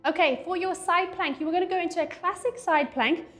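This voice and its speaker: A woman leads a workout class and does the moves herself, so she sounds a little out of breath. Her voice sits high, and she counts the reps aloud as she coaches. Faint music plays behind her. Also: a little fast, a bit bright. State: slightly out of breath. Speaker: fitness instructor. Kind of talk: workout instruction.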